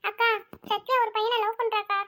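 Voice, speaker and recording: A woman's voice: extremely high pitch, level tone, moderate pace, a bit bright. A woman voicing a fretful middle-aged aunt who scolds and exclaims in an audio story. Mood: hesitant.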